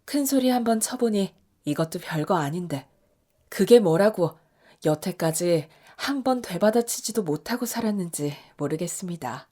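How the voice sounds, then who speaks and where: A woman's voice: fairly low pitch, lively intonation, normal speed, mellow. A woman in her fifties narrating a first-person radio story in an emotional, confiding way.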